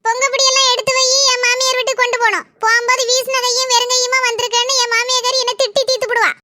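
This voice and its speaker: Woman doing a spoiled married daughter in a cartoon, shrill high voice, pushy and whiny, southern tamil accent. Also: flat delivery, fast talker, pushed and bright, a little hiss or hum. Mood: demanding. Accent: southern Tamil (Tirunelveli–Kanyakumari). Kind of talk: cartoon comedy voice acting.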